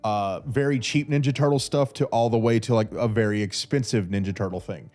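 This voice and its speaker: Seated in an armchair in a small room with a brick wall, this man in his thirties from North Carolina hosts a podcast, rambling through listener questions with many fillers and restarts, a bit stuffy from a cold. He speaks into a red studio mic on a boom arm. His voice is lowish, a little fast and slightly mellow, with soft music in the background.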